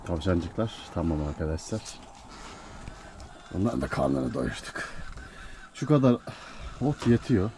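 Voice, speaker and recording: Male farm vlogger, chatty and affectionate, lively delivery, noisy farm background. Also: lowish voice, a little slow, gravelly, long pauses. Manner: chatty, affectionate with his animals, laughs often. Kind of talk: casual vlog talk to camera. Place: farm, among animals. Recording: noisy farm sound with clucking chickens.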